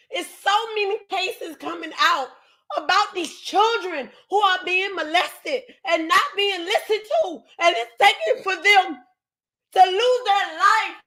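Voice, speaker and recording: Lady ranting to her viewers, super high bright voice, keeps saying stuff twice. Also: unhurried. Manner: emphatic, keeps repeating herself for stress. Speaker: commentary host.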